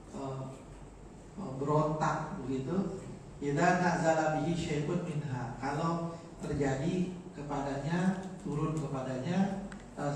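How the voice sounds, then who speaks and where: A man's voice: mid-range voice, a little mellow, far from the mic, a little hiss or hum. A man with a Betawi accent giving a joking, informal morning sermon, explaining Arabic phrases. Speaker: religious teacher. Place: large mosque hall. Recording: echoey mosque, mic from afar.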